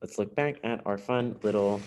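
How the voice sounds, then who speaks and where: Male elementary music teacher, slightly low voice, playful and patient, talking kids through rhythms while screen sharing. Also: normal speed, darkish tone, a little hiss or hum. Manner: playful, explains step by step to children. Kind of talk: recorded online music lesson for kids.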